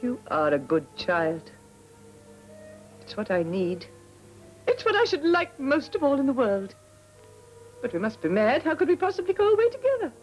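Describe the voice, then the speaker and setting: An actress playing a tired older couture house owner, speaking with weary, wistful regal dignity in a 1950s film. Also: female voice, sits high, wildly swooping pitch, normal speed, pauses often, poor audio. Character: tired aging couturière, proud and lonely. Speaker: aging fashion house owner. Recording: old film soundtrack with music.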